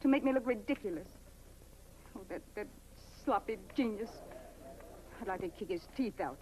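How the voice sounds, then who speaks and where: An actress playing a bitter, resentful young actress in a 1950s film, muttering angrily. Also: female voice, medium pitch, animated, normal speed, a little mellow, close to an everyday voice, poor audio. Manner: angry, sulky muttering. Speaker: aspiring actress. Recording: faint noise of a 1950s film soundtrack.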